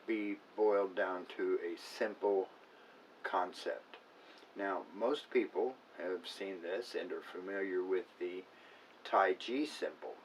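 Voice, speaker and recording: A man with a very deep voice explains a topic in an unscripted, casual way, pausing on fillers and restarting now and then. He sits a little back from the microphone, and faint room noise hums behind him. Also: a little mellow. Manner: unscripted, self-correcting, with filler words. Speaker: acupuncturist. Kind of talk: casual educational talk. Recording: voice a bit far from the mic, faint room noise.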